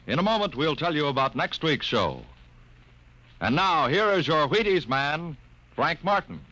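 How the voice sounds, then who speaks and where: A man's voice: on the high side, big pitch swings, moderate pace, pushed and bright, no echo. 1950s radio announcer reading credits, man. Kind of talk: formal closing credits announcement. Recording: noisy 1950 radio transcription.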